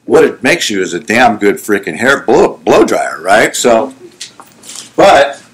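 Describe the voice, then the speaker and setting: A middle-aged man who owns a salon, telling stories from his career in an animated way, laughing often and asking whether the listener follows. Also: on the low side, a little slow. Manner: animated, laughing, often asks "you know what I'm saying". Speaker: salon owner and hairdresser. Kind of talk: storytelling in a casual interview.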